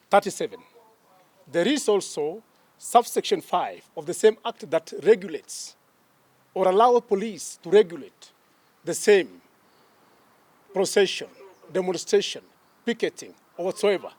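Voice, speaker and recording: Kenyan man, police spokesman, formal and emphatic, high-pitched. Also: measured pace, long pauses, dry recording. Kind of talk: official press statement.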